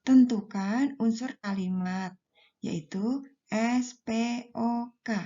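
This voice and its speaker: Woman, primary teacher; slow, mellow delivery with a husky edge, over a dull lo-fi recording. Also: fairly high pitch. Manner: slow, deliberate explaining to pupils. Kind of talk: classroom lesson for children.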